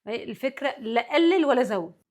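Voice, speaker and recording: Egyptian woman, psychology teacher, rapid and a touch high-voiced, keeps checking the listeners follow. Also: animated, a little mellow. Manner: walks through worked examples. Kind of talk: spoken lesson.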